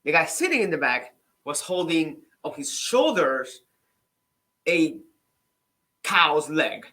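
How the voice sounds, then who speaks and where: A very animated middle-aged Cuban, an author and channel host, tells his story in a high-leaning, bright, pushed voice. His casual talk is halting, packed with restarts and repeated "right?" tags.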